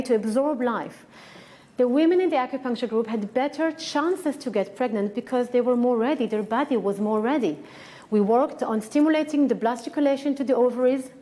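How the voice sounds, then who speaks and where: Israeli woman, conference lecturer; mellow, slightly high voice, frank and emphatic delivery. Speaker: researcher giving a conference talk. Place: conference hall.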